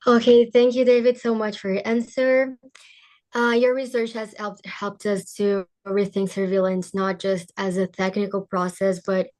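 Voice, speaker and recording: A woman's voice: mid-range voice, flat delivery, normal speed, a little mellow. A woman, a student, carefully reading out a prepared question in English. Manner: careful, formal phrasing.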